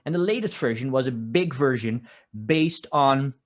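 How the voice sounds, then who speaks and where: He speaks at a moderate pace with a medium pitch and the accent of his native Netherlands. As a conference speaker delivering a conversational technical talk at home, with construction sounds outdoors, he keeps restarting phrases and uses the filler "uh" a lot.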